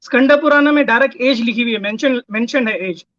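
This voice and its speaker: A man's voice: very high-pitched, a little fast, a bit bright, no room sound, dull audio. A man on an online debate panel, methodically citing references and reading passages aloud in English. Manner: methodical, reads quotes in English.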